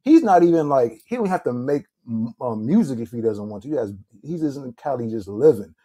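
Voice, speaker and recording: A man's voice: medium pitch, animated, fairly quick, mellow. A man co-hosting a casual podcast, talking in long rambling runs with restarts and "you know what I'm saying". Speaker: podcast co-host. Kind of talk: casual group chat.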